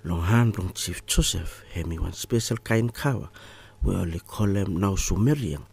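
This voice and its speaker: A man's voice: deep voice, moderate pace, vocal fry, a little mellow, breathy edge. A man with a ni-Vanuatu accent giving scripted documentary narration in Melanesian pidgin, much like Solomon Islands Pidgin. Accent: ni-Vanuatu Bislama, Melanesian pidgin similar to Solomon Islands Pidgin.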